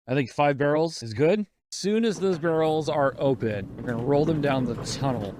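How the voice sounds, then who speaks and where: A man plays in a tabletop role-playing game, talking through plans out loud. His speech is casual and relaxed, at an ordinary middle pitch. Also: moderate pace, background noise. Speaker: player.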